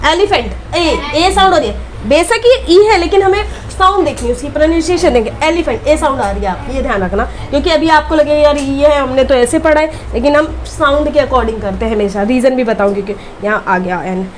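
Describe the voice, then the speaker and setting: A woman with a high, bright voice teaches a grammar class. She keeps asking her students to repeat key words back to her, in a brisk classroom manner, with faint noise under the recording.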